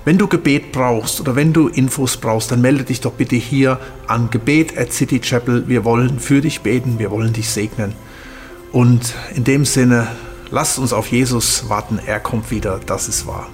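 A man's voice: mid-range voice, normal speed, soft background music. A man preaching and praying earnestly, often repeating phrases and speaking straight to the listener. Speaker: pastor. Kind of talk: sermon with prayer.

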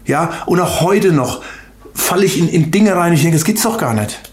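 A man's voice: on the high side, expressive, normal speed. Fervent older man preaching in echoey room. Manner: emphatic, fervent, addresses listener directly, repeats words. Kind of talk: sermon with prayer.

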